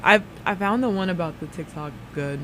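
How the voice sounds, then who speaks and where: A man's voice: brisk, sharp tone, poor audio. A man giving a casual, tentative reaction to music in conversation. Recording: faint vehicle rumble in background.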